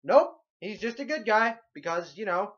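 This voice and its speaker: A young man ranting sarcastically through a movie review, swearing constantly and breaking into loud outbursts. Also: sits high, animated, moderate pace, dull audio.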